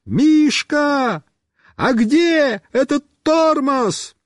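Man putting on a frantic little boy, high pleading yells, dry close storybook sound. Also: lively intonation, drawn-out words, no echo, heavily acted. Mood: panicked shouting. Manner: shouting, pleading. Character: panicky young boy stuck on a runaway ride.

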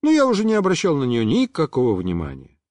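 A man reads a children's story aloud with expressive, animated delivery. His voice sits high and swoops widely from line to line. The sound is dry and close. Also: fast, dry recording. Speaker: reader.

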